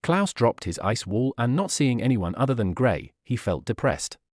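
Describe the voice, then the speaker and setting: A man reading a fantasy light novel aloud as audiobook narrator, in a steady storytelling manner. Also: mid-range voice, moderate pace, no room sound, clean studio sound. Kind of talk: scripted narration.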